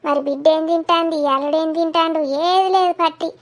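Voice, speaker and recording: A woman's voice: very high-pitched, fairly even intonation, fast. A woman with a Telangana accent performing a chatty, scolding village family comedy skit. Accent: Telangana Telugu.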